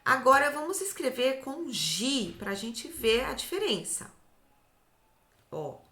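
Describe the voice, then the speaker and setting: A Brazilian Portuguese woman teaching phonics to young children, stretching out syllables slowly and checking in after each point. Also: high-pitched, very animated, sharp tone, reverberant. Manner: slow, drawn-out syllables, often ends with "tá?". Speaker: literacy teacher. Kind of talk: slow, clear phonics lesson for children.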